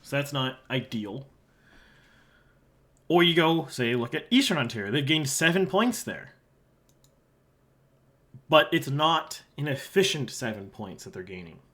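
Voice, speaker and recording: In a medium-pitched voice with lively intonation, a Halifax, Canada man takes his time, leaving long pauses as he goes over an election forecast map. He has a sore throat. The analyst and channel host speaks solo in a casual, conversational way, adding quieter asides while pointing at the map.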